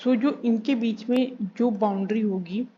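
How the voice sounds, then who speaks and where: Woman teaching, repeating key terms. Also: fairly high pitch. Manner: repeats key terms slowly, asks and answers own questions. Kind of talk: exam-prep geography lesson. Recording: slightly dull recording with faint hiss.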